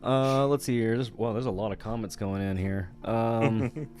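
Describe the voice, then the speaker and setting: A man's voice: on the low side, fairly even intonation, normal speed, darkish tone, soft background music. A man hosting a casual live-stream chat, reading viewer comments aloud in an easygoing way with plenty of fillers. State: still waking up.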